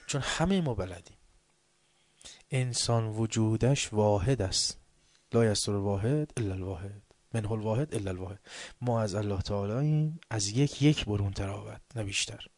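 A man delivering a sermon in a storytelling way, with rhetorical questions, swinging from hushed whispers to loud, emphatic outbursts. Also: medium pitch, no echo. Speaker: religious speaker.

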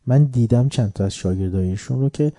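Brief: male speaker with a deep-toned, warm voice, spinning a lively story with chuckles. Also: dry recording, studio quality. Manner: lively anecdotal telling, chuckling. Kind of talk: storytelling religious talk.

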